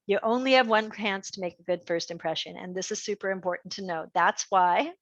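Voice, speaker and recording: A middle-aged woman leads a fundraising workshop with an animated, lively delivery, swinging her pitch up and down to keep listeners engaged. Her voice sits mid-range for a woman. The recording is dry and a little dull. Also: a little fast, no room sound. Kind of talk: online workshop presentation.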